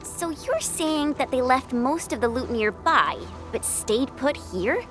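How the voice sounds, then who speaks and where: A woman's voice: high voice, lively intonation, slow pace, full character voice. An actress playing an upbeat, eager young woman fighter in a game. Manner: bright and eager. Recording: game audio with music.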